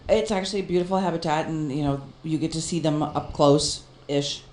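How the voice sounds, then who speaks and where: A woman co-hosting a casual chat, telling a story in an animated way and laughing often. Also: low voice, a little fast, reverberant. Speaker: podcast co-host.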